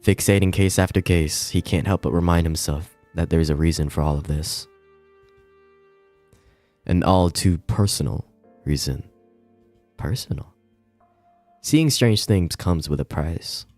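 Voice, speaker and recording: Reading a visual novel on a relaxed stream, a man speaks in a low, darkish voice at a measured pace with frequent pauses. Now and then he trips over words and tosses in giggly asides. The room echoes, with music in the background.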